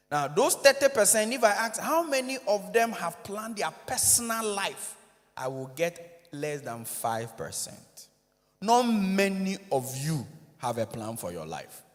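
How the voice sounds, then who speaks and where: A man with a Ghanaian accent, a church minister giving an animated, joking conference talk that switches between English and Twi. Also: high voice. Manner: animated, joking, code-switching, addresses audience directly. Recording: long reverb of a large hall.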